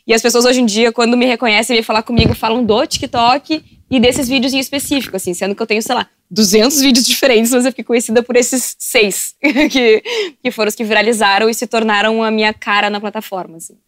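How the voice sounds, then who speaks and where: A woman chats as a podcast guest, telling stories quickly and with a lot of energy. Her voice sits slightly high, and she laughs often. The sound is dry and close. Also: dry recording. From southern Brazil. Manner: animated storyteller, laughs often. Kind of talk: casual podcast chat.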